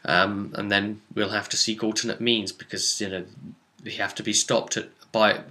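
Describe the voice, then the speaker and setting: A man recapping a tabletop role-play campaign as its game master speaks at a normal speed in a lowish voice that barely moves in pitch and has a sharp edge. He still tells the story informally, with dramatic emphasis.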